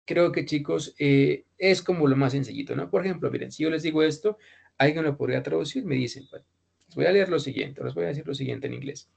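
Gravelly husky male English instructor. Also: fairly high pitch, expressive, quick pace. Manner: repeats words, checks understanding often. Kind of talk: online class explanation.

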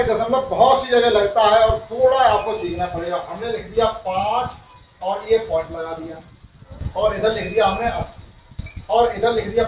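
High-voiced male teacher, echoey classroom. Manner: asks pupils questions and repeats answers. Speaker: primary school teacher. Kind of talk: classroom lesson. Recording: roomy, far-off, dull, slightly noisy.

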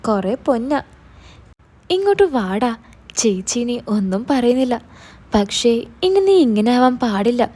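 A woman voicing an adult older sister in a spoken story, a quick-tempered schoolteacher who scolds her little brother but loves him. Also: on the high side, mellow. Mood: tender. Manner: scolding, exasperated, then tender.

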